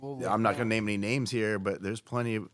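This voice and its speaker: A man's voice: lowish voice, fairly even intonation, a little fast, fairly bright tone. A man on a podcast as a guest, telling a story in a loose, profane way, often stopping and restarting. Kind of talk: casual storytelling chat.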